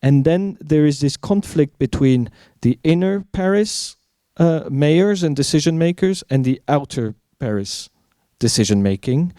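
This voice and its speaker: A man answering audience questions as an academic speaker, phrasing his thoughts deliberately with pauses. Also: fairly high pitch, dark tone, no echo, studio quality.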